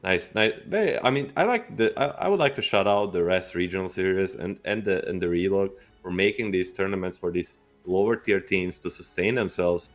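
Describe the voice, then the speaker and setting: A man co-casting a live esports match as analyst, weighing the odds in a thoughtful, halting way that restarts phrases. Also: low voice, soft background music.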